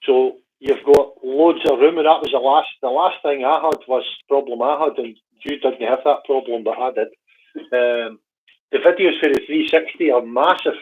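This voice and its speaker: A man's voice: mid-range voice, moderate pace. A man from Glasgow chatting easygoing over a call as a guest, hesitant and full of fillers. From Glasgow, Scotland. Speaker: guest biker. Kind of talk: casual chat over a call. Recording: tinny phone-like call line.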